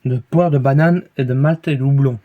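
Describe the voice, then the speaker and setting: A man's voice: mid-range voice, a little fast. Rambling Belgian French man, lo-fi sound. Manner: hesitant, rambling, many fillers and restarts. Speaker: vlogger reviewing beers. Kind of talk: casual rambling review.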